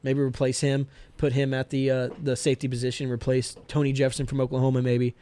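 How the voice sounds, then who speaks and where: A man's voice: medium pitch, completely flat delivery, fast talker, mellow, clear, resonant tone. A man co-hosting a casual sports podcast, making confident, upbeat picks and talking through players. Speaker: podcast co-host.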